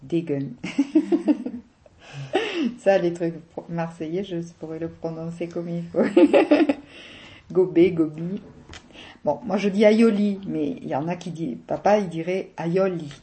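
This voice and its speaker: A middle-aged woman from the south of France tells her story in a casual interview, her southern French accent clear in every phrase. Her voice sits low and mellow. She talks freely, laughs often and stops on little fillers as she searches for words. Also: steady tone, normal speed. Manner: chatty, laughs often, hesitant with many fillers. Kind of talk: casual personal conversation.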